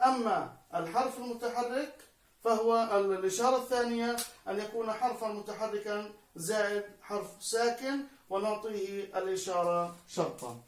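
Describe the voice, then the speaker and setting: A man's voice: high-pitched, moderate pace. A male teacher, patiently giving a video lesson and spelling out syllables one by one for the student. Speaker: Arabic teacher. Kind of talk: video lesson on Arabic prosody. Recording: echoey room, mic far away.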